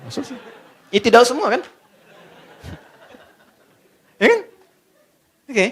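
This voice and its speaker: Animated, joking male preacher. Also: extremely high pitch, moderate pace, slightly rough. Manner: jokey, quizzes the audience. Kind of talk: sermon.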